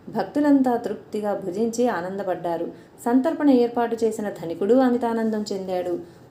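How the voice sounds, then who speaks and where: A woman narrating a devotional story in a measured, formal reading style. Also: medium pitch, warm tone. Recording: roomy echo, faint noise.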